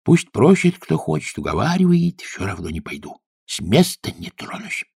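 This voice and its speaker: A man's voice: mid-range voice, sing-song, normal speed, vocal fry, darkish tone, slightly rough, no room sound, clean studio sound, exaggerated voice. A man reading a storybook and voicing a timid, self-pitying little male house sprite who grumbles and whines. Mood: grumbling. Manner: grumbling, whiny.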